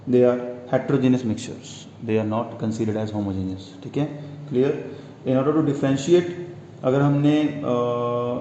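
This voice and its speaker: A man's voice: medium pitch, warm tone, slight background noise. A man with an Indian accent giving a lecture that mixes Hindi and English, explaining step by step and often checking whether students have understood. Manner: explains slowly, often checks "clear?" and calls students "beta". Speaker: teacher. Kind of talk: Hinglish classroom lecture. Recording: echoey room, slightly dull sound.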